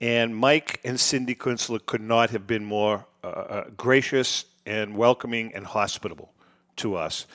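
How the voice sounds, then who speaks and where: A man's voice: fairly low pitch, steady tone, measured pace, a bit bright. A man co-hosting a casual podcast chat, telling stories with lots of fillers and restarts. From United States. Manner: storytelling, chatty with frequent fillers and restarts. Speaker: podcast co-host.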